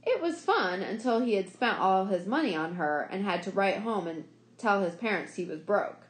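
Woman reading a short story, steady storytelling, animated pitch, echoey room. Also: moderate pace. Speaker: story reader. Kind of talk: scripted narration of a short story. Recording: roomy echo.

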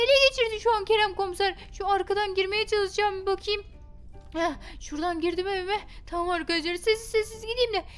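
Bright, very high-voiced woman gamer. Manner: dramatic, exclaiming. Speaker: game role-play host. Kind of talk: Minecraft role-play narration.

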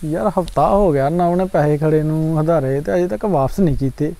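A man's voice: fairly high pitch, a little fast, creaky, warm tone. An actor playing a friend who insists on getting his money back. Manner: complaining, insistent.

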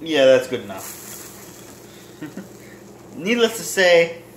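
In a small home kitchen and dining room, a man in his twenties casually shows home cooking to camera in a halting, rambling, self-deprecating way. His voice is on the high side with big pitch swings. It's captured on a handheld or propped phone near arm's length, with roomy echo and sizzling kitchen noise.

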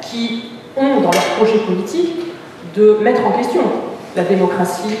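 A woman giving an academic conference talk, pausing often on fillers and restarting her phrases. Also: mid-range voice, background noise. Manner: hesitant, many fillers and restarts. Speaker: lecturer. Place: lecture hall. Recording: echoey hall, distant mic.

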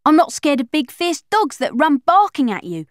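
Narration for a children's audiobook comes from a woman whose high-pitched voice moves at a moderate pace. She speaks in the first person as a chatty, confiding, lively young schoolgirl, recorded in clean studio sound with no echo.

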